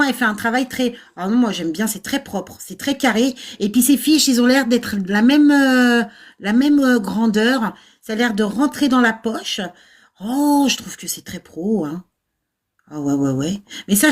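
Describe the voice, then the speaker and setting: A middle-aged woman hosting a casual livestream from an old house, chatty and self-mocking, laughing often and filling with hesitations. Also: fairly high pitch. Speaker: nursing-assistant VAE coach and livestream host. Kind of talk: casual livestream chat with viewers. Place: old house without air conditioning.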